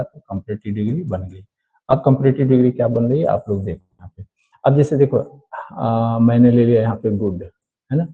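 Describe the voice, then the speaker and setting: Husky dark-voiced male teacher. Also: mid-range voice. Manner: repeats key points, checks understanding often. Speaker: English teacher. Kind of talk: online grammar lesson. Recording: dull lo-fi recording.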